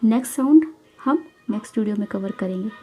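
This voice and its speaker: A young woman teaching English phonics in a slow, careful way, repeating each example word. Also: mid-range voice, animated, mellow, breathy edge. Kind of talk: phonics lesson in Hindi-English mix.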